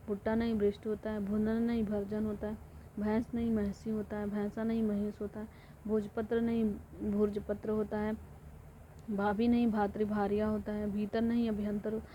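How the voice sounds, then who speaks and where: Flat-voiced woman drilling word lists. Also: mid-range voice. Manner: monotone drilling, repeating each word pair. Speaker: teacher. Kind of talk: exam-prep lesson, reading word lists. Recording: dull lo-fi audio with faint noise.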